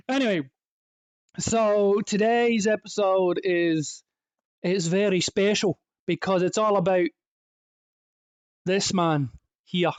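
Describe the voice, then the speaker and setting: A man's voice: sits high, fairly even intonation, slow pace, pauses often, smooth, no room sound. A man co-hosting a casual gaming podcast, swearing, laughing and rambling through banter. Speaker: co-host.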